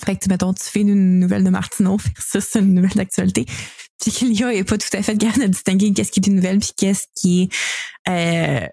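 A woman's voice: medium pitch, fairly even intonation, fairly quick, vocal fry, warm tone, husky, dry recording, studio quality. A woman with a Quebec French accent hosting a casual news discussion, informally mixing English words into her French. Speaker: podcast host; teacher.

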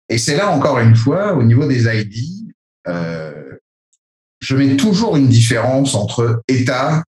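Casting: low-voiced man from France, rambling talker, echoey room sound. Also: a little mellow. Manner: rambling, many restarts and fillers. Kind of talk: casual discussion.

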